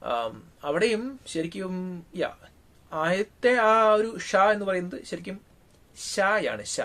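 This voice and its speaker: A man with a Malayali accent giving a relaxed, casual spoken language lesson, pausing often on drawn-out fillers. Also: sits high. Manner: unhurried, frequent drawn-out fillers. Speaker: language teacher.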